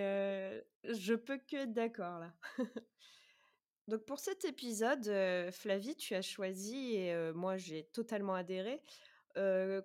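A woman hosting a podcast in a medium-pitched voice, talking in a chatty way with frequent hesitations. She asks quick questions, then runs through her prepared notes. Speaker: podcast host. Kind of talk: casual podcast chat and prepared presentation.

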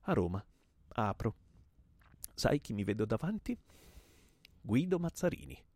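A man's voice: fairly low pitch, big pitch swings, a little slow, darkish tone, dry recording, voice pushed up, exaggerated voice. A man reading a play aloud and voicing a desperate, grim man bent on murder, with an intense, menacing delivery.

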